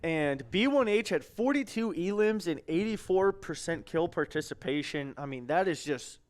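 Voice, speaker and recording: A man's voice: fairly high pitch, lively intonation, normal speed. A young man giving casual, analytical color commentary on an esports match. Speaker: esports caster.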